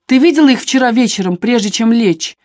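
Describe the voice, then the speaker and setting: A woman voicing a calm male friend in an audiobook, asking steady, probing questions. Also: on the high side, fairly quick, dry recording, studio quality, natural voice. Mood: questioning. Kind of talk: audiobook character reading.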